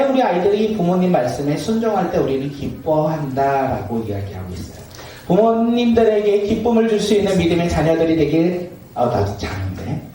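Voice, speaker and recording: This pastor's voice sits high and sounds dark, with slight background noise, captured from afar in the echoing hall of a church sanctuary. During his sermon he poses questions to the congregation and pauses for answers, laughing as he acts out everyday scenes.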